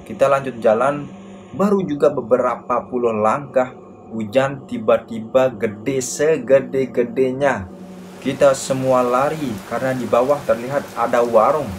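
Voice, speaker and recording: A man tells a horror story in a relaxed, conversational voice. His pitch sits in the middle and his delivery stays casual and slangy. A steady hiss of background noise runs under the whole recording. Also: moderate pace. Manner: casual, slangy first-person retelling.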